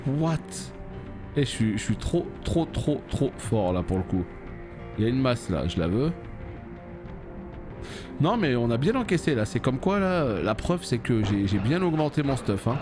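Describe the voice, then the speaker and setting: A man commentates his live game stream, excitable and quick to swear at the enemies. His voice sits at an ordinary middle pitch, and music plays clearly underneath. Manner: excitable, swears, talks to chat. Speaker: gaming streamer. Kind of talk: live let's play commentary. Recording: music playing behind.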